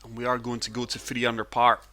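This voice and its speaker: Male gaming host, mid-pitched and bright, chesty and wheezy with a cold, casual golf play-by-play. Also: monotone, quick pace. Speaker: gaming channel host and player. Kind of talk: casual golf game commentary.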